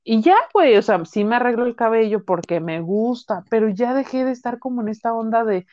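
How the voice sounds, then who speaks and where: A young Mexican woman in casual, profane chat, telling animated stories. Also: fairly high pitch, a little fast, dry recording. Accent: Mexican Spanish. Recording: dull lo-fi sound.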